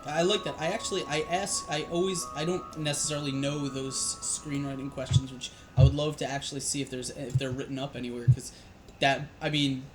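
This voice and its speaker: A man's voice: mid-range voice, flat delivery, a little fast, over music. A man, a dungeon master, chatting casually on a live show, rambling with frequent restarts and fillers.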